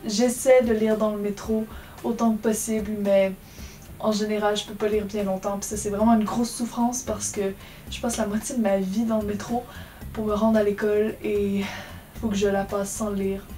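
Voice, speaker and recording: A woman's voice: mid-range voice, level tone, normal speed, dark tone, distant mic, slight background noise. A young woman with an English accent, chatting casually and self-mockingly about books on her channel. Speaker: book vlogger. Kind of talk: casual book tag chat. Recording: from the mic, faint music behind. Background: faint background music.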